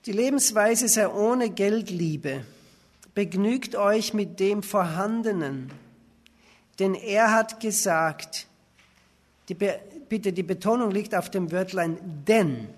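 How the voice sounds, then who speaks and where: A man's voice: high voice, takes it slowly. A man preaching a sermon, reading verses aloud and pressing his points with emphatic rhetorical questions. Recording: reverberant hall.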